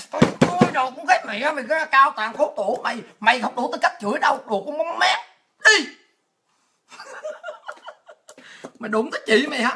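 A woman, born in Vietnam, hosts a livestream talk show. She rants crudely and abusively in a sharp, forceful voice and keeps breaking into laughter. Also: high-pitched.

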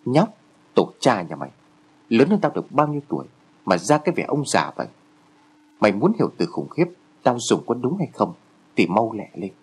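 A man voicing an excitable teenage boy, husky. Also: fairly low pitch, moderate pace, long pauses. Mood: eager. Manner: urgent, pushy bickering.

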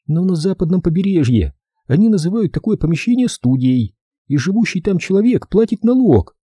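A man reading an audiobook voices a sharp-tongued, impatient young brunette woman who scolds and chatters. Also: sits high, sing-song, a little fast, slightly rough, no room sound, voice pushed up, full character voice. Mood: chattering.

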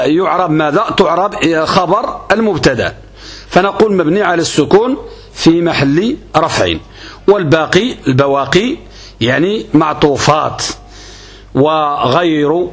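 A religious teacher with a fairly high-pitched male voice leads a grammar lesson on a classical text. He moves through it step by step, posing questions and then answering them himself.

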